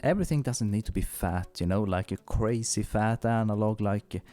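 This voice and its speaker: A man's voice: on the low side, normal speed, dark tone. A man giving a casual, hands-on gear demo, thinking aloud hesitantly, his voice heavily compressed on the microphone. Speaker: synthesizer demo presenter. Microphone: microphone through a compressor. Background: synthesizer tones.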